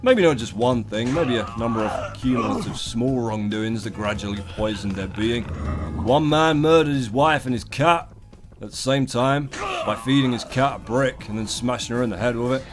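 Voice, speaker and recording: British male game commentator, mid-pitched, theatrical and sweary, mock-grand delivery over background music. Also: lively intonation, normal speed. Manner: theatrical, irreverent, mock-grandiose with sudden exclamations. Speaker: gaming video host. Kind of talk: comedic game commentary, profane and colloquial.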